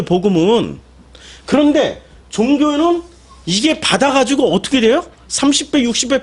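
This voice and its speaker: High, lively-voiced male pastor preaching. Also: breathy edge. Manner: asks the congregation rhetorical questions and answers them himself; emphatic, with sudden loud exclamations. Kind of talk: sermon.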